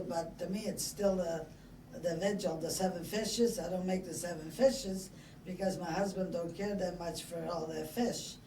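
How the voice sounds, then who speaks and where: An older Italian woman, whose first language is an Italian dialect, tells stories from her life in a casual oral-history interview. Her fairly low voice carries an Italian accent, and her chatty storytelling comes out haltingly. The mic is distant in an echoey room with background noise.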